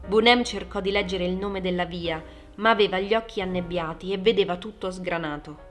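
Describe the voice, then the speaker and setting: Una donna che legge un romanzo come narratrice, con un tono calmo e regolare. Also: female voice, fairly low pitch, fairly quick, faint music behind. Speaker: audiobook narrator. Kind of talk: scripted narration.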